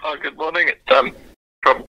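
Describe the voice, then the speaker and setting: A man's voice: on the high side, moderate pace, no room sound. A man talking casually as a marketer on a phone call, heard through a phone speaker. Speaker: marketer taking a sales call. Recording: dry, buzzy phone speaker.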